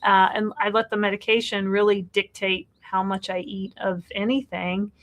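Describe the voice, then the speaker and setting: A woman in her fifties co-hosting a live question-and-answer chat, talking with animated, exasperated bursts and laughs. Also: medium pitch, moderate pace. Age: 50s. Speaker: co-host.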